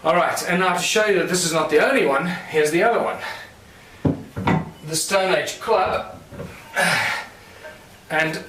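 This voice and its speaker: A man's voice: high voice, unhurried, long pauses. A man with a slightly raised voice delivers a lecture, explaining his points in a loose, rambling way full of fillers and restarts. The sound is roomy and echoey, with a faint hum of ambient noise behind him. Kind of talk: lecture with live demonstration.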